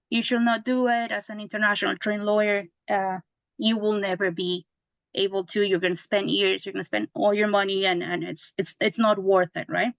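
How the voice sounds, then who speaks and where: A woman's voice: medium pitch, fairly bright tone, no room sound. A woman, a lawyer telling her story in a casual interview, chatty with many restarts and tag questions. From Mexico. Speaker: guest lawyer.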